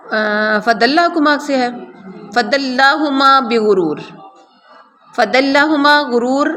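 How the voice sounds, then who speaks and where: A woman with a Pakistani Urdu accent teaching a Quran lesson, reciting verses slowly and then explaining each one in plain conversational words. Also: on the high side, in a large hall, slight background noise. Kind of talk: word-by-word translation lesson. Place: room with noise heard from outside.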